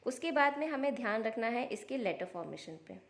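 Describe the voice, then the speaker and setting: A woman's voice: fairly high pitch, expressive, brisk. A woman, a parent, patiently explaining how to teach children phonics step by step, sounding out letters in a casual instructional vlog.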